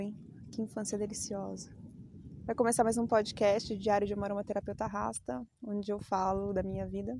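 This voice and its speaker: A woman's voice: mid-range voice, vocal fry, a little mellow, slight background noise. A woman chatting to her phone on a bike ride outdoors, telling a story about her day in a chatty, confiding way. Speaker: podcast host. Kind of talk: casual outdoor vlog monologue.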